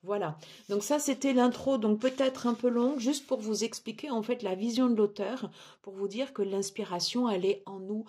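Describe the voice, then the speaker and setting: Woman, husky voice, chatty tarot deck review, lots of fillers. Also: medium pitch, darkish tone. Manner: chatty, many fillers and restarts.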